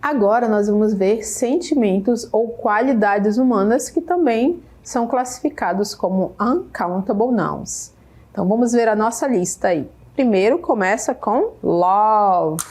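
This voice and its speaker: A woman teacher with a Brazilian Portuguese accent explains English vocabulary slowly, repeating each word and checking in with "né?". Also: medium pitch, a little mellow. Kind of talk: slow, careful classroom explanation. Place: state school media center studio.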